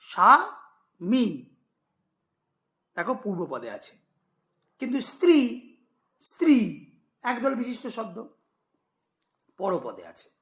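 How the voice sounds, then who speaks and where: A man with a high, fairly bright voice teaches school students a grammar lesson. He explains patiently, repeats examples and checks whether they're following.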